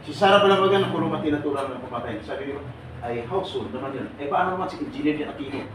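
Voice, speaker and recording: A middle-aged man gives a lively seminar lecture to a live audience, quizzing them, joking and laughing often. His voice is a little high and fast, heard from far off in an echoey, noisy room.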